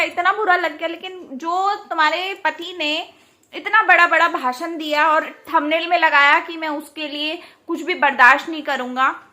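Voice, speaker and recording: A woman's voice: very high-pitched, sharp tone. A young woman, ranting in a casual vlog and scolding with rhetorical questions. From India. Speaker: YouTube commentator.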